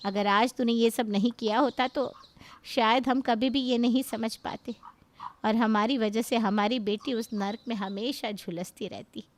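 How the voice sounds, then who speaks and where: A traditional middle-aged mother, voiced by a woman in a cartoon story, with a somewhat raised pitch. She talks with her son in a motherly, homely tone. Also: steady tone, measured pace, natural voice. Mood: remorseful.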